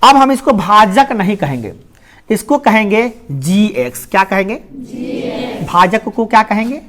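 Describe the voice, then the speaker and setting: Lively Bihari woman teaching maths. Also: mid-range voice, a little slow. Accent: Bihari Hindi. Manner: animated call-and-response questioning of students. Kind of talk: classroom maths lesson. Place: classroom with a board.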